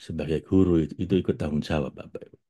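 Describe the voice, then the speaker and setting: A man's voice: very deep voice, fairly even intonation, rapid-fire, warm tone, breathy edge. A man, giving a casual spiritual talk as a religious teacher, chatty and addressing his audience directly with frequent laughs.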